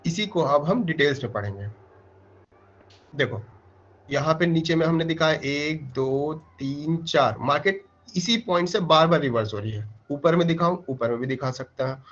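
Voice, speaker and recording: A man teaching an online trading class, explaining step by step with rhetorical questions and asking if it is clear. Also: a little high, fairly bright tone, highs cut off. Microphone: mic placed close.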